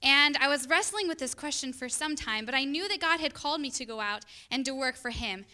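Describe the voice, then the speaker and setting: A woman's voice: high voice, a little fast, sharp tone. A young woman, a student literature evangelist, telling an earnest personal testimony. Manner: earnest storytelling.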